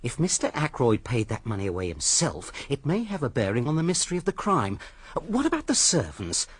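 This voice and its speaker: An actor playing a blunt, self-assured police inspector who questions people brusquely and a little patronisingly in a radio drama. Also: male voice, medium pitch, huge pitch swings, a little fast, slightly rough. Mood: businesslike. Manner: brusque, interrogating, slightly patronising.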